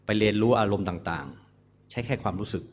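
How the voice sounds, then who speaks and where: A man teaching meditation, giving calm, measured instructions in short phrases while pausing for an interpreter. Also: lowish voice, a little hiss or hum. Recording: dull lo-fi recording.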